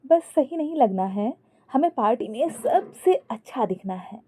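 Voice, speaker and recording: A woman's voice: fairly high pitch, lively intonation, a little slow, warm tone, slightly rough. A woman voicing a bossy, fashion-obsessed young wife who talks insistently and dramatically in a storybook.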